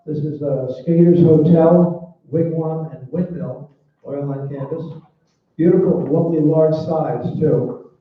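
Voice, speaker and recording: A man's voice: a little high, steady tone, slow pace. A man working as an auctioneer at a live auction, calling lots and bids in repetitive patter full of numbers. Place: large echoey auction room. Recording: echoey hall from far off, muffled phone-like sound.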